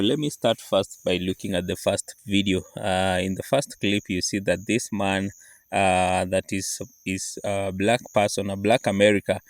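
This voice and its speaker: A man commenting on video clips, speaking haltingly with many filler words. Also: fairly low pitch, no echo. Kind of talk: reaction commentary.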